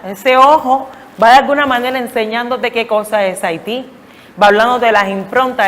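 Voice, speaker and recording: A woman giving a reflective academic talk, explaining deliberately and emphatically with searching pauses. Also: a little high. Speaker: academic lecturer. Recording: long echoing hall reverb.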